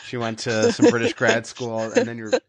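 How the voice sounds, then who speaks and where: A man's voice: medium pitch, very animated, normal speed, a crowd in the background. A man interviewing a guest, asking curious, conversational questions.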